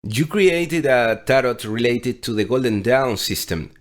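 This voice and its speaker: Man, mid-pitched voice, interviewer, steady prepared question. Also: measured pace.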